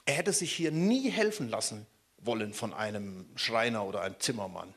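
Man from Germany, preacher, husky voice, lively pitch, sermon, asks the congregation questions. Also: moderate pace. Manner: animated, asks the listeners questions.

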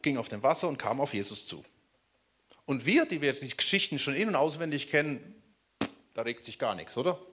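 A man from Germany preaching a sermon in a lively way, often turning to ask his listeners questions. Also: a little high. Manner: animated, asks the listeners questions.

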